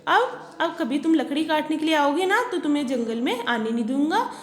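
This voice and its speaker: A woman voicing a greedy male bear who flies into a rage, speaking slowly and heavily. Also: sits high, animated, echoey room. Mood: angry. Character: grumbling male bear, greedy, quick to anger.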